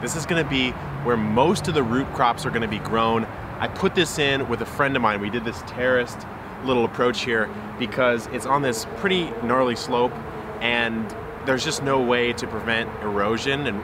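A mid-voiced man in his thirties hosts a casual garden tour vlog for his gardening channel, chatting upbeat straight into a handheld camera held close to his face. He walks through a front and side yard garden beside a street, where traffic noise is audible, then into a garden shed.

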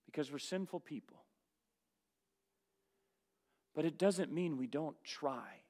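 A man preaching a sermon to his congregation as pastor. He asks rhetorical questions and swings between loud emphasis and hushed asides. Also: a little high, moderate pace. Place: church.

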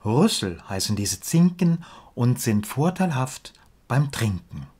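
A man reading his own humorous poems in a slow, measured way, letting line ends drop low and quiet, with dry spoken asides between them. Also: very animated, breathy edge.

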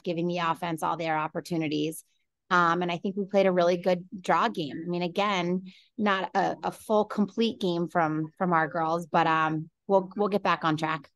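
A woman coach in her forties answers reporters' questions from an office through a laptop webcam. Her voice sits slightly low, and the sound is dry and close, with no room around it. She speaks in a measured way, with many fillers and restarts. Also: a bit bright, no echo. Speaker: head coach. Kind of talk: postgame press conference answers. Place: indoor office with large window. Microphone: laptop webcam on video call.

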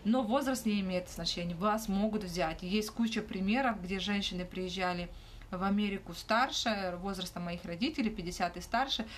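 A young Ukrainian woman, whose first language is not Russian, hosts a livestream Q&A from a small room, speaking casually into a phone held close on the front camera. Her mid-range voice is hesitant, full of "uh" fillers, pauses, and restarts, with slight background noise.

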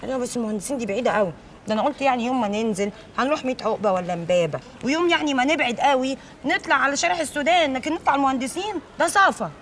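A woman's voice: sits high, animated, very fast, fairly bright tone. A wary young Egyptian mother. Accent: Egyptian Arabic. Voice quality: wary, questioning. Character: naive hesitant young mother. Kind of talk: TV drama acting. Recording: distant mic with faint background noise.

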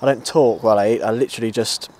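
Here the British channel host, a motorcycle reviewer in his thirties, talks fast in a lowish, darkish voice with a steady tone. He chats casually and enthusiastically to camera from a table outside a country pub, with outdoor ambience and vehicle noise clearly audible.

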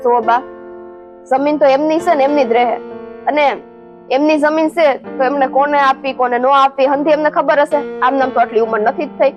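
High-voiced young woman protesting. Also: steady tone, moderate pace, highs cut off, music in the background. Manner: protesting, pleading. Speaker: daughter-in-law. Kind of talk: village family drama acting.

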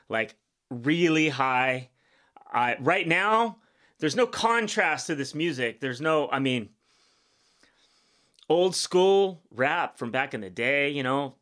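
A man's voice: medium pitch, bright, forceful tone. A man in his fifties hosting a reaction video, talking bluntly and rambling in a casual way with many fillers. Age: 50s.

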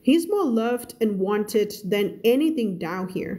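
Slow, patient woman English teacher. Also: fairly high pitch, expressive, mellow. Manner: explains word by word, repeats words for stress and sounds. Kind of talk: live reading lesson.

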